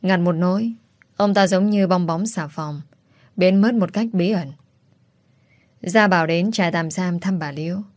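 Woman narrator, steady story reading, lowish voice, dry sound. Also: measured pace, long pauses, no echo.

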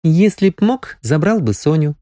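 A man's voice: a little high, sing-song, normal speed, warm tone, dry recording, clean studio sound, pitched above the performer's own voice. A man voicing a teasing, lovestruck young village woman in a raised, girlish, pleading voice. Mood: earnest, teasing.

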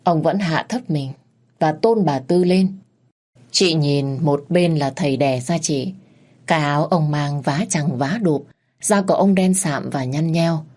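A woman narrating a story in a calm, measured way. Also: low-pitched.

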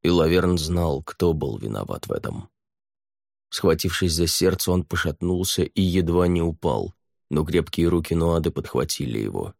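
Мужчина читает аудиокнигу размеренно и ровно. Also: male voice, low-pitched, vocal fry, darkish tone, dry recording, studio quality. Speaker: narrator. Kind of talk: audiobook narration.

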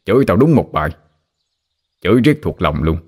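A man's voice: low voice, very animated, normal speed, darkish tone, breathy edge, full character voice. A man with a Southern Vietnamese accent voicing a grumbling old rural father who nags his son to marry. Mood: scolding. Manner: scolding, teasing.

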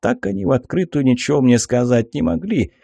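Warm-voiced male audiobook narrator. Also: on the high side, animated, brisk, creaky, slightly rough, dry recording. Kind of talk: first-person audiobook narration.

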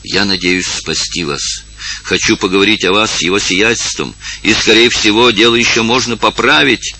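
A man's voice: on the low side, steady tone, moderate pace, bright, forceful tone, heavily acted. A man reading aloud and voicing a pale old male village elder who pleads and commands with a raised voice. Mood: pleading.

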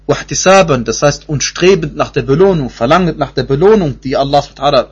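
Male religious teacher, husky voice, halting explanatory delivery full of restarts, dull lo-fi recording. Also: a little high. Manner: repeats himself, many fillers and restarts. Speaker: Quran teacher. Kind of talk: spoken Quran commentary lesson.

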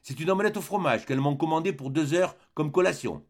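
A man's voice: on the high side, fast talker, pitched above the performer's own voice, natural voice. A man reading the part of a stout middle-aged housemaid who answers hesitantly and deferentially.

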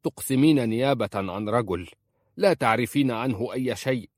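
A man's voice: mid-range voice, normal speed, dry recording, lightly acted. A man voicing a stern, protective uncle who scolds sharply in a story reading. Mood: scolding.

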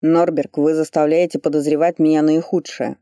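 A reader voicing a flustered male police chief who sounds startled and defensive, a little lower than the narration. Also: little pitch movement, normal speed, mellow, clear, resonant tone, dry recording, studio quality, close to an everyday voice. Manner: startled, defensive, then sheepish. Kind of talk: audiobook character voice.

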